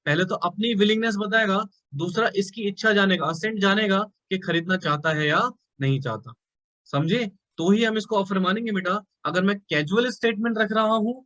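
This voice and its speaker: Indian male tutor, high voice, dull lo-fi class recording, pushes students to answer. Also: moderate pace, bright, forceful tone, dry recording. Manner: mixes Hindi and English, coaxing students to answer, calls them beta. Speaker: teacher. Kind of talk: online class lecture. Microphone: live class recording. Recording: dull lo-fi sound.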